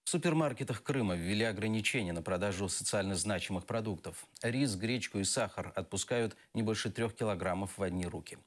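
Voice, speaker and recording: A man reads television news narration in a formal, steady voice. His pitch sits a little low, and the delivery stays even and composed throughout. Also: brisk, few pauses. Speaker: news reporter.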